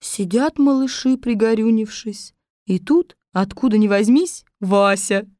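A woman narrating a fairy tale with expressive storytelling. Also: on the high side, unhurried, no room sound, studio quality.

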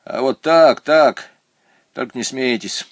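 A man voicing a gloomy, clumsy male clown pupil who talks loudly and plaintively. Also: mid-range voice, slow, no echo, clean studio sound.

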